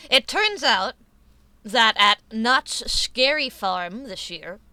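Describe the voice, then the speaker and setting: Bright, high-voiced woman streamer. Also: no room sound. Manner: rambling, profane, laughs often. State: runny nose. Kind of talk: casual live-stream chat.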